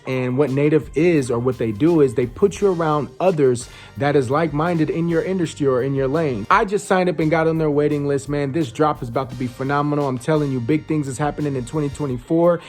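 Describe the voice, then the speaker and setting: A man giving an energetic, hyped promotional pitch. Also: a little fast, faint music behind. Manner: energetic, hype. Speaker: ad spokesperson.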